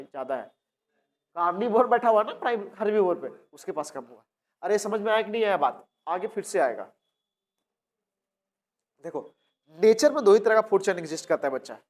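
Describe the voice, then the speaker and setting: A male biology teacher from India, speaking. He lectures a coaching class, asks questions, answers them himself and repeats key terms. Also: high-pitched. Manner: addresses students as "बच्चा".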